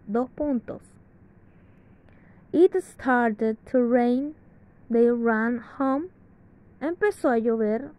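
A woman reading an English grammar lesson aloud from a textbook, slowly and carefully with pauses. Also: fairly high pitch, warm tone. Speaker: English teacher. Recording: dull lo-fi sound.

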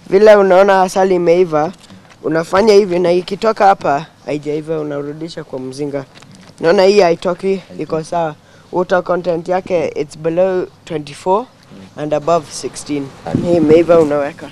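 A man's voice: fairly high pitch, fairly even intonation, brisk, darkish tone. A fourteen-year-old boy, casually explaining beekeeping and mixing Swahili and English. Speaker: young beekeeper being interviewed. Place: outdoors in a leafy garden. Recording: outdoor field recording with clear background noise.

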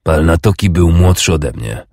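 A man's voice: low voice, animated, moderate pace, a little mellow, dry recording, studio quality. A man doing a scornful dying old king. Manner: rasping, contemptuous growl. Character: old wounded Danish king, scornful and bitter.

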